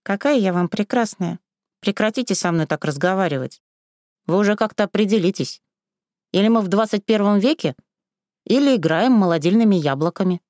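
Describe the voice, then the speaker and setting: A woman's voice: fairly low pitch, animated, normal speed, mellow, no room sound, clean studio sound. A woman reading a storybook and voicing a confused, indignant young woman. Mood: bewildered. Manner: bewildered, protesting.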